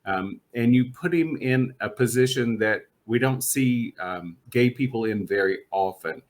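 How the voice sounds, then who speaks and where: Talking books with a guest, this podcast host is chatty and enthusiastic, laughing frequently through the casual interview. His voice is mid-range and unhurried.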